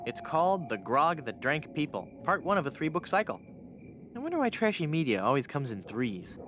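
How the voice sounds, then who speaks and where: A hapless, earnest young hero of a comic adventure game. His voice sits a bit high and swings widely as he pleads and bluffs theatrically about being a ghost. Clear noise runs behind the game audio. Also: big pitch swings, fairly quick, a bit bright. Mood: wry.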